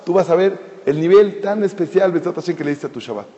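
A man tells a sermon story in a somewhat high voice, animated and talking straight to his listeners. The sound is dull and lo-fi, with a long reverb from the hall. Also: quick pace, breathy edge.

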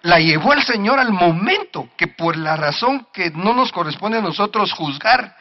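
Impassioned preaching man, lively pitch. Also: normal speed, highs cut off. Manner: impassioned, shouting at peaks, addressing congregation directly. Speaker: pastor. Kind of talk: sermon.

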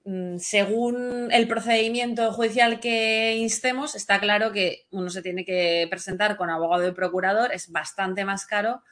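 A woman's voice: medium pitch, bright, forceful tone. A woman hosts an interview in a chatty, loose way, thinking aloud as she asks her questions. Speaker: interview host. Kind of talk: casual interview, live show.

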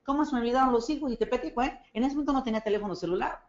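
A woman with a Mexican Spanish accent giving a motivational talk on network marketing, animated and acting out dialogue as she tells stories. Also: a little high, very fast. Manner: animated storytelling, acts out dialogue, asks listeners for agreement. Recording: dull lo-fi recording.

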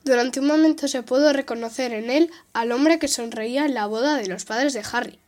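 Brief: female reader, high voice, steady and careful storybook reading. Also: brisk. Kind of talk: reading a novel aloud.

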